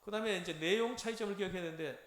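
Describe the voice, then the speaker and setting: A man giving a lively Bible lecture, acting out lines and having his class repeat them. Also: high-pitched, very fast. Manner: animated, acts out dialogue, has audience repeat phrases. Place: church lecture room. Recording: echoey room.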